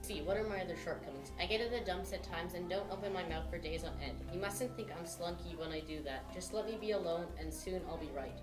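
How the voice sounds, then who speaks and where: A woman playing Sherlock Holmes as a brisk, matter-of-fact man in an amateur drama reading, with music playing behind. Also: fairly low pitch, reverberant, recorded from a distance, lightly acted. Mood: gloomy. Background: background music.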